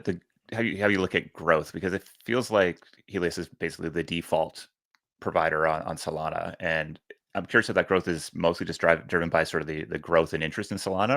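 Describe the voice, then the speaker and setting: A man from Canada hosting a casual interview, relaxed and quick to laugh along. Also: low voice, creaky. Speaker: show host.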